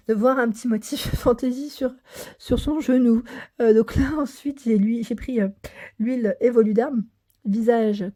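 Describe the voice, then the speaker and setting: A woman's voice: medium pitch, warm tone. A young woman with a daughter chatting casually through a shopping haul, hesitant and full of fillers. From France.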